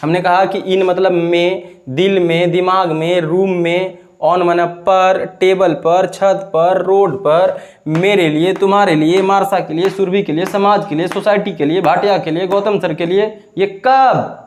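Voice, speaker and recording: Male English teacher, slightly high voice, slow deliberate drills. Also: fairly even intonation. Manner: slow, drawn-out, repeats each example and quizzes the viewer. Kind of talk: classroom-style video lesson.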